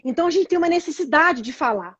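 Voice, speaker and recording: A woman's voice: sits high, animated, fast talker, no room sound, highs cut off. A woman with a Brazilian Portuguese accent, hosting a casual live chat and earnestly explaining ideas while often restarting her phrases. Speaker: host explaining meditation and nonviolent communication.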